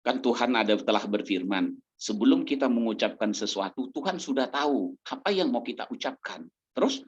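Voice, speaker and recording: Man, pastor, sermon, conversational and humorous, questions and answers himself, lively pitch, dull lo-fi recording. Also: moderate pace.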